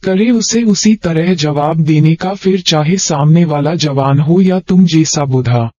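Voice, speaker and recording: A man's voice: fairly high pitch, a little slow, a little mellow, dry recording. A man voicing a brash young woman who flips between whiny pleading and cocky street slang, on a dull lo-fi recording. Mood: cheeky.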